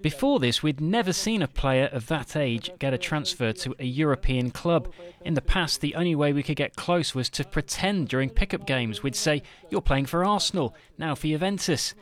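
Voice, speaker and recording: A man's voice: a little high, animated, moderate pace. Youth coach, man, reflective conversational tone.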